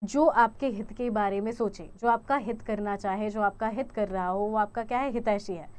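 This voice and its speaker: A woman's voice: mid-range voice, moderate pace, a little mellow. A young woman teaching an exam-prep grammar lesson, quizzing her viewers and repeating each answer choice as a question.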